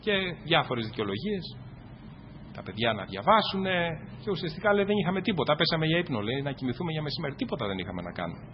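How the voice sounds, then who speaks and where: A man preaching a sermon to his congregation, rising to loud exclamations and dropping to quiet asides. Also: a little high, sing-song. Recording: dull, echoey hall with faint noise.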